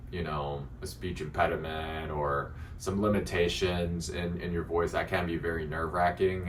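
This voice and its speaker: Deep, resonant man's voice, thinking aloud. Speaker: beginner stand-up comedian. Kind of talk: reflective self-critique vlog, casual chat. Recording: distant mic, faint background noise.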